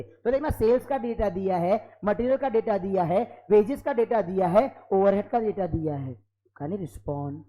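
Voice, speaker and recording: A man teaching an accounting class live in a classroom, lively and constantly prompting students for yes or no. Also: extremely high pitch, poor audio. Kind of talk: classroom lecture.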